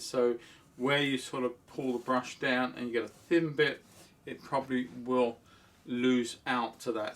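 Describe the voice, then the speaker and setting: A man's voice: mid-range voice, fairly bright tone. A middle-aged man hosting his own hobby vlog, talking in a rambling, self-deprecating, chatty way. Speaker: model railway channel host. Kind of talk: casual hobby vlog talk.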